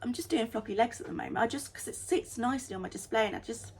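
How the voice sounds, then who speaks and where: A woman vlogging in a casual, chatty way, talking fast and getting excited about small things. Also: fairly high pitch, slight background noise. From United Kingdom. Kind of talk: casual vlog chat.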